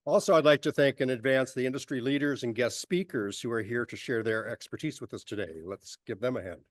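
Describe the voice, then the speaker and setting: A man's voice: medium pitch, no echo. Man giving a formal welcome, distant mic. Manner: measured, formal. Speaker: university official welcoming attendees.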